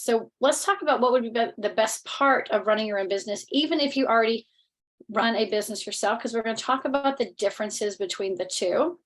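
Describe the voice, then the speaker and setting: A woman with a Southern accent speaks frankly and chattily to a webinar audience from her home. Her voice sits a little high and carries the loose, filler-laden flow of someone talking on a video call. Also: low-quality recording. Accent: Southern American. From North Carolina. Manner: candid, blunt, chatty with many fillers. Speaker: network marketing leader. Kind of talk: webinar presentation.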